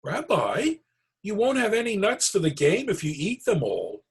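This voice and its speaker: Man putting on a kindly old storybook grandmother, animated. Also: high-pitched, normal speed, vocal fry, breathy edge, voice pushed up, full character voice. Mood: gently scolding. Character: kindly, chatty old grandmother hosting a holiday guest.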